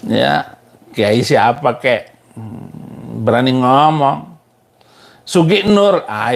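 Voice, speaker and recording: Middle-aged preacher, gravelly, slow, mocking, laughs at his own jokes. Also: mid-range voice. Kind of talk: sermon.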